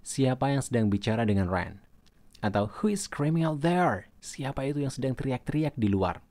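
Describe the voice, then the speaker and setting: A man teaching English grammar in a recorded lesson. He reads English example questions slowly and then translates them. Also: medium pitch, expressive, darkish tone, no echo.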